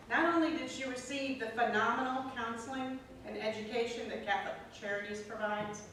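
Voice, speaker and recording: A woman telling her personal faith testimony as a guest speaker at a prayer group, earnest and storytelling, with emphatic pauses. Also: mid-range voice. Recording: echoey room, mic far off, faint noise.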